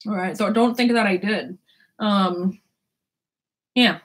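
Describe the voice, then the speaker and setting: A woman's voice: medium pitch, slow pace. A woman in her twenties chatting casually about books, rambling, laughing and swearing freely. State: sore throat. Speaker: book vlogger. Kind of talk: casual chat.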